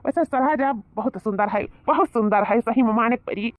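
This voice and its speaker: A woman's voice: on the high side, a little fast, a little hiss or hum, natural voice. A woman playing a smug flirtatious village man. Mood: flirting. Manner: wheedling, boastful. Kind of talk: comedy sketch acting. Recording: tinny phone-like sound.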